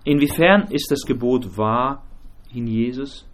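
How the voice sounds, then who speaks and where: A man teaching a Bible study group, talking in a halting way with many fillers and restarts and asking the group questions. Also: medium pitch.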